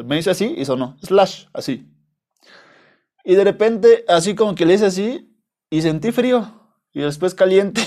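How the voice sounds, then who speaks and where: A man's voice: on the high side, darkish tone. A young adult man with a Mexican accent, hosting a podcast and telling stories in a rambling, slangy, profane way. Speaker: podcast host. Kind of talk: casual monologue storytelling.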